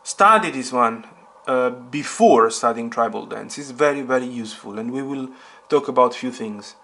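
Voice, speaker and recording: A man's voice: mid-range voice, moderate pace, vocal fry, a bit bright. A man teaching piano step by step, patiently naming notes and fingerings and repeating the key points. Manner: names notes and fingerings aloud.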